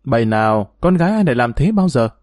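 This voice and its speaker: A man's voice: mid-range voice, sing-song, fast talker, darkish tone, dry recording, clean studio sound, close to an everyday voice. A man reading as a scolding worried mother.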